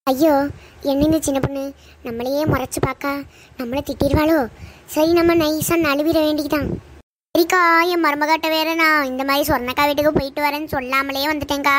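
High quick gossipy neighbour lady, a woman doing her, sly troublemaker, tirunelveli tamil. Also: flat delivery, a little hiss or hum, natural voice. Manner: sly, stirring trouble, coaxing. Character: meddling gossipy neighbour mother-in-law Parvathi.

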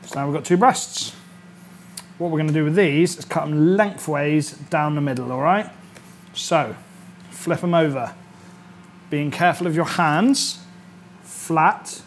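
A British chef in his thirties, presenting a cooking series from an indoor kitchen studio set, speaks in a slightly high voice at a measured pace with long pauses. His informal demonstration is chatty and instructional, and he often checks in with "all right?" There's slight background noise.

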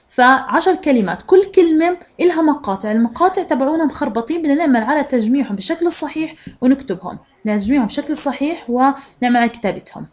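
Woman teaching English slowly. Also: on the high side, darkish tone. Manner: slow, drawn-out English words, fast Arabic explanations. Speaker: sixth-grade English teacher. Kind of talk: recorded online lesson.

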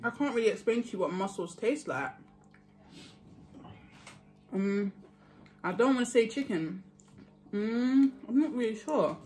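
A young woman chatting casually to her viewers while eating, easygoing and quick to laugh. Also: a little high, animated, warm tone. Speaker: vlogger. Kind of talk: casual mukbang chat.

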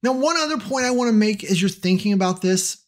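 A man's voice: high voice, expressive, fairly quick. A middle-aged man giving a casual, opinionated tech tutorial, chatty with self-deprecating asides. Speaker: tech trainer. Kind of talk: casual tutorial talk to camera.

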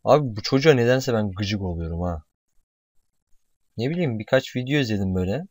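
Young man's excitable game commentary. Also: on the low side, brisk, slightly rough, no room sound, clean studio sound. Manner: excitable, swearing and shouting at the game. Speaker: gamer.

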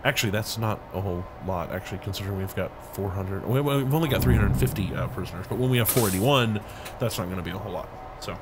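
A man's low-leaning voice moves fast as he comments casually on a game he's playing. A bit scratchy from recent illness, he rambles, thinks aloud and hums filler tunes.

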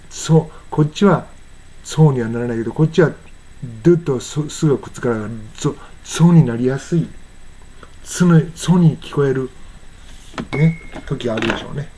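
A man with a Japanese accent teaching English pronunciation in a casual spoken lesson, explaining and then saying phrases very slowly. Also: mid-range voice, mellow. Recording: faint background noise.

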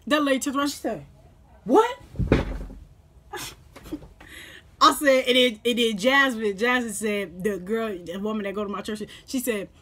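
A woman's voice: a little high, brisk, hardly any pauses, a bit bright, slight background noise. A young woman vlogging at home as she eats, chatting in a rambling way and laughing often, recorded by a camera on the table. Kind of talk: casual mukbang chat. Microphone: camera set up on the table.

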